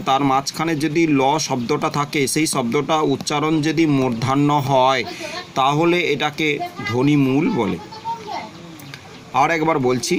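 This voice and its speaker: A man teaching a twelfth-grade grammar lesson, who explains slowly and says example words and definitions more than once. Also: fairly high pitch, slight background noise. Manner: explains slowly, repeats example words and definitions, often tells students to look.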